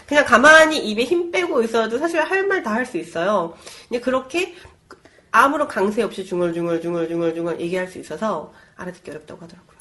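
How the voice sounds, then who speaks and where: A woman co-hosting a relaxed educational talk. She chimes in with quick agreement and guides the talk from topic to topic. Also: a little high. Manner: frequent agreeing interjections, leads the segments. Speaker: podcast co-host. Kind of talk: casual educational chat.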